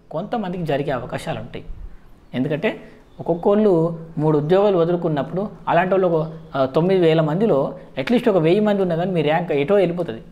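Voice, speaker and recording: A man's voice: on the high side, dark tone. A man with a Telangana Telugu accent explaining things informally to viewers, mixing in frequent English words. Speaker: job-exam advice video host.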